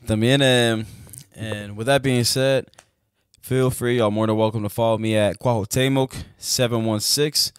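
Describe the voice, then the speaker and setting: A male podcast guest chatting casually, his slangy English sprinkled with Spanish words. His voice sits at a middle pitch. The recording is dry and close, with no room sound. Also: steady tone, a little slow, clean tone, no echo.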